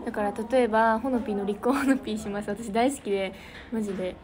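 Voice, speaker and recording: Giggly and casual, a young woman with a Niigata Japanese accent talks with fans on her idol livestream and thanks viewers by name. Her voice is medium in pitch and she speaks fast. Crowd noise fills the background.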